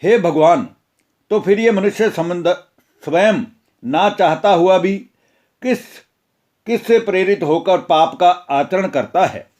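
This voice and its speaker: A man's voice: high-pitched, slow pace, darkish tone. A man voicing a troubled young warrior prince who asks an earnest, pleading question in a scripture retelling.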